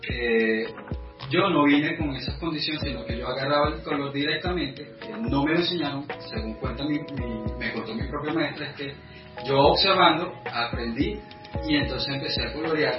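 A Venezuelan man in his thirties, a guest artist, telling his story in a casual interview with many thoughtful pauses and fillers. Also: medium pitch. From Venezuela, the llanos. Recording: echoey room, distant lo-fi mic, music.

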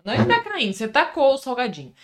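A woman's voice: high voice, huge pitch swings, racing. A Brazilian woman hosting a casual podcast, teasing her co-host with dramatic exclamations. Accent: Brazilian Portuguese.

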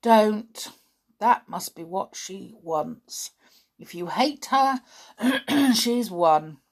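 A woman voicing a kindly old male hospital porter who talks slowly and formally with a slur. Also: sits high, expressive, pitched above the performer's own voice, heavily acted. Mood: earnest. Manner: slurred, slow and formal.

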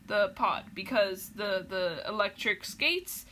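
A woman's voice: medium pitch, slow pace, pushed and bright, slight background noise. A young adult woman hosting a podcast, casually recapping a show in a rambling, filler-heavy way and giggling often. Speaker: podcast host.

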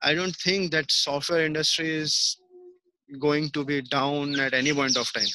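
A man's voice: a little high, fairly even intonation, moderate pace, bright, forceful tone, no room sound, poor audio. A man with a north Indian accent giving conversational advice, repeating key phrases and using rhetorical questions for emphasis. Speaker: interview guest, software career mentor.

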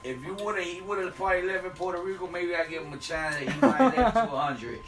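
Older man, slightly high, easygoing. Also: lively intonation, fast. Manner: easygoing, joking. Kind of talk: casual chat mixing English and Spanish. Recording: crowd noise behind.

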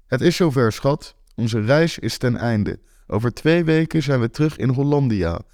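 A man's voice: medium pitch, lively intonation, moderate pace, a little mellow, dry recording, clean studio sound, natural voice. A man voicing a cheerful, affectionate middle-aged hippie mother in a spoken story.

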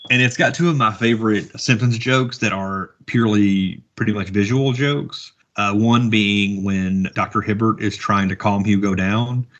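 A man's voice: on the low side, unhurried, a bit bright. A man in his thirties co-hosting a podcast in casual chat, rambling with many fillers and chuckling as he goes. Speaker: podcast co-host. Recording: dull lo-fi podcast audio.

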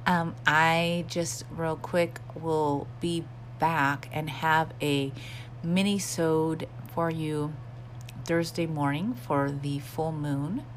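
A woman with a low-pitched voice hosts a podcast in a casual, confiding style. She takes her time and often feels her way into a sentence. She is recorded in a bathroom, with a soft fan hum running behind her. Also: fairly even intonation, slow. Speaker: podcast host. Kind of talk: casual chatty podcast talk. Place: small bathroom at home. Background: humming bathroom fan.

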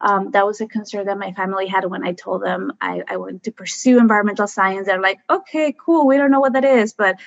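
A woman's voice: medium pitch, fairly quick, vocal fry, few pauses, dry recording. A chatty woman tells her story at an easy pace, with plenty of fillers and restarts. Her voice comes through a dry, slightly dull remote mic with no room sound. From Mexico. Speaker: guest, environmental scientist. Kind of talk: casual conversation.

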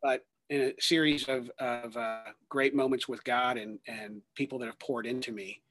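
A man's voice: medium pitch, steady tone, moderate pace, a bit bright. A man in his thirties, a ministry worker and guest, talking earnestly in a rambling way with many fillers and restarts. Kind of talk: conversational testimony.

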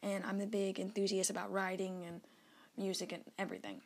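A woman's voice: mid-range voice, flat delivery, brisk. A fifteen-year-old girl hosting a casual solo podcast, speaking in a nervous, self-conscious, apologetic way. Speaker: podcast host.

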